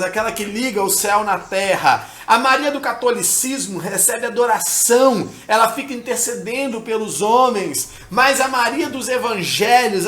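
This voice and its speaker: A man preaching a sermon as a pastor, passionate and repetitive, pausing on hesitant fillers. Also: high-pitched, fairly bright tone. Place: church. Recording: roomy church hall.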